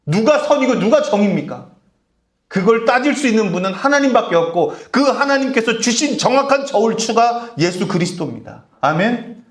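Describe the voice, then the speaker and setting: A man's voice: very high-pitched, sing-song, normal speed. A man preaching a sermon as pastor, calling out to the congregation and asking for amens. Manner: call-and-response preaching, repeated "amen?". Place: church sanctuary. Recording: echoey church hall.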